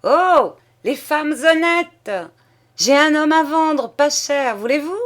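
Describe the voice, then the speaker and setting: A woman voicing a brash young boatwoman who calls out in a loud, high, taunting voice. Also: takes it slowly. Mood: mocking.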